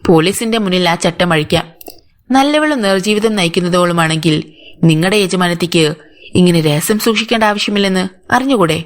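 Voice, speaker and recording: Stern male police inspector played by a woman, firm, interrogating, lowish voice. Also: a little fast, lightly acted. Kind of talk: audiobook character voice.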